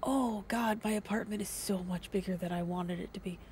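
A woman in her thirties giving casual horror game commentary to herself, muttering, exclaiming and swearing, with a creaky voice. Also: mid-range voice, steady tone, fairly quick, darkish tone, a little hiss or hum. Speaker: game streamer. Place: small indoor streaming room.

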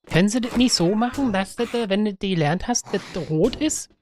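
A woman's voice: medium pitch, animated, a little fast, darkish tone, a little hiss or hum. A woman giving chatty let's-play commentary, giggling, teasing the enemies and slipping into sing-song rhymes. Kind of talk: casual gameplay commentary.

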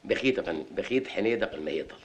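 An actor playing a humble, fawning male factory worker with an Egyptian accent, talking fast and deferentially. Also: sits low, slight background noise. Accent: Egyptian Arabic. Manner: rapid, deferential and flattering. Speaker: warehouse worker.

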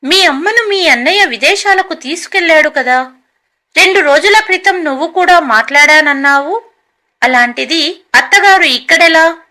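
A concerned young husband from a storybook tale reasons things out in a questioning way, as a woman narrator voices him. The voice stays high and bright. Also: normal speed, full character voice. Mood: puzzled.

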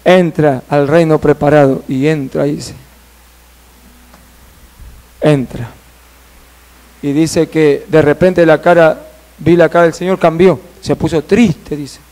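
A male missionary preacher delivers a sermon as a vivid story. His voice sits high for a man. He jumps in and out of the characters as he tells it. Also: measured pace. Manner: animated, reenacting dialogue.

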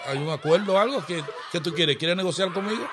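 A show host makes a prank phone call, posing as an official and insistently accusing the other person while repeating himself. His voice sits high and is expressive and fast. The call recording is noisy, with crowd sounds.

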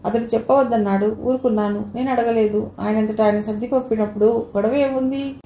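A man's voice: high voice, steady tone, brisk, warm tone. A woman voicing a curt, scornful young husband in a narrated audio novel. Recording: echoey room, faint hiss.

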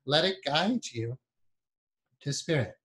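A man in his fifties guiding a meditation class in an unhurried, conversational way, with pauses between phrases. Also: fairly high pitch, lively intonation, sharp tone. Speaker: meditation teacher. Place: small indoor room. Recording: echoey, roomy sound.

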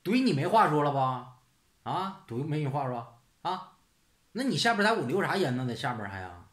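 Brief: blunt, sarcastic man, somewhat high, lively pitch, swearing casual rant, echoey room. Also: moderate pace. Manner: rhetorical questions, "是不是" tag. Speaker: channel host. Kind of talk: casual ranting monologue. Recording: roomy echo.

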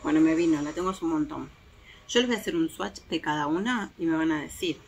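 Chatty woman reviewing makeup, gravelly voice. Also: deep voice, fast, slight background noise. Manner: chatty, hesitant fillers, shows swatches to viewers. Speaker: beauty vlogger. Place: home terrace, outdoors in daylight.

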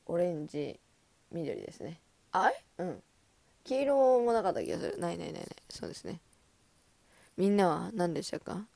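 A young woman in her twenties hosting a casual livestream, chatting with viewers, laughing often and breaking into loud excited bursts. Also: fairly low pitch, creaky, no room sound. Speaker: idol livestream host. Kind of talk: casual livestream chat reading comments.

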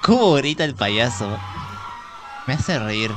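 Excitable man streaming games over loud music. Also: medium pitch, takes it slowly. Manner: exclamatory, groaning and laughing at scares. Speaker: gaming livestream host. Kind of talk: live Roblox gameplay commentary. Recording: loud game music behind voice.

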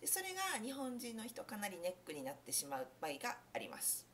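A woman's voice: mid-range voice, huge pitch swings, fast talker, fairly bright tone, a little hiss or hum. A young woman teaching English pronunciation in a casual spoken lesson, explaining in a friendly way with many fillers and self-corrections.

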